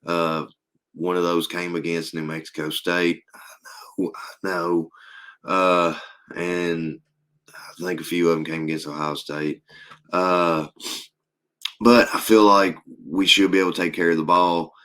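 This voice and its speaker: A man, co-hosting a sports podcast while losing his voice, reading stats haltingly with many fillers. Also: deep voice, level tone, fairly bright tone. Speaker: podcast co-host. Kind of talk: casual sports talk.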